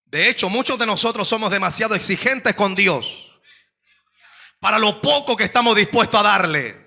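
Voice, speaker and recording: A male pastor preaching an evangelical sermon, moving between hushed asides and shouted climaxes and calling for amens from the congregation. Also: high-pitched, lively intonation, normal speed, creaky.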